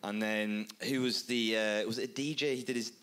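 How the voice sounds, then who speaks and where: A man's voice: fairly low pitch, steady tone, normal speed, fairly bright tone. A man in the audience of a live podcast asking the hosts a hesitant, rambling question. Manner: hesitant, rambling, full of fillers. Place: bar venue with live audience.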